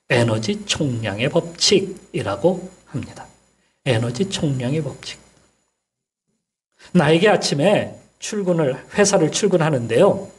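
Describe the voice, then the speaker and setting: Husky-voiced pastor preaching conversationally. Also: male voice. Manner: prods the congregation with frequent "eh?" tags; conversational, rising to emphatic high bursts. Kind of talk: sermon. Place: church sanctuary.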